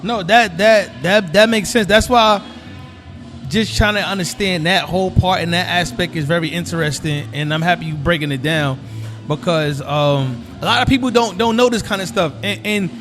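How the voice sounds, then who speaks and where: New York host man, high for a man, easygoing, quick affirmations, faint music bed. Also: fairly bright tone. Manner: laid-back, affirming with short backchannels. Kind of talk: casual interview.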